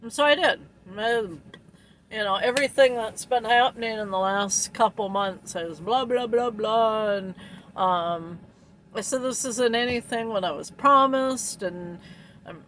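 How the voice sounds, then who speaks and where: A woman's voice: a little high, a little slow, a bit bright, a little hiss or hum, poor audio. A woman truck driver casually telling a story, rambling with lots of ums and little laughs.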